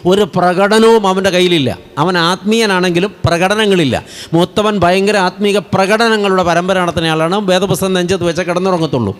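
A man's voice: high-pitched, fairly even intonation, fairly quick. A man preaching a sermon as a story, turning to the congregation with rhetorical asides.

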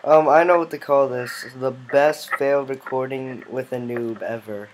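A man's voice: medium pitch, steady tone, moderate pace, background noise. A male gaming host giving casual commentary on a game with friends, teasing and bossy, often breaking into laughs.

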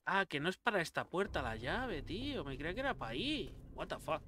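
An excitable man with a Spain Spanish accent gives casual let's-play commentary. His voice sits a little high, and he swears freely while joking at the game. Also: fairly quick, noisy background. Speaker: gameplay commentator.

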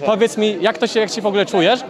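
A young man interviewing a fighter at an event, firing off quick probing questions into a handheld mic. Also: high-pitched, fairly even intonation. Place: busy event press wall, indoors. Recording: loud crowd chatter behind.

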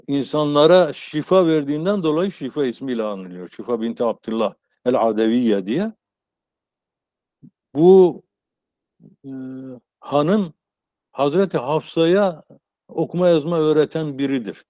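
A man in his sixties giving an informal academic lecture as a professor, explaining haltingly on a video call. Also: a little high, expressive, dark tone, dry recording, studio quality. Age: 60s. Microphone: earphone headset on a video call.

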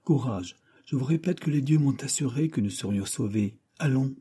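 A cold, scheming villain issues firm commands, as a male narrator reads him. The voice is dark and husky, delivered in a controlled, commanding way. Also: mid-range voice, expressive, normal speed. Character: stern scheming Egyptian man, villain.

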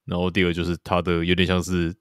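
Chatting casually about a TV series, this male podcast co-host rambles with plenty of fillers and keeps repeating his agreement. His voice sits low and is clear and resonant, but he speaks fast in a monotone. It's studio-quality audio with no room sound.

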